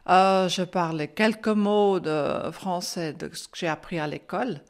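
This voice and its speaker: A gravelly, older Swiss German woman from the German-speaking part of Switzerland recounts her life in conversation as an interviewee. Her lowish voice stays fairly even in intonation at a measured pace, though she's chatty, often laughs and says "hein" and "euh" frequently.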